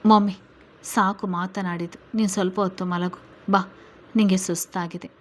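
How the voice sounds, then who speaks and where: A woman doing a young man in a storybook, a caring and cheeky younger son. He talks quickly and soothingly, with a lightly teasing edge. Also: mid-range voice, fairly even intonation, lightly acted.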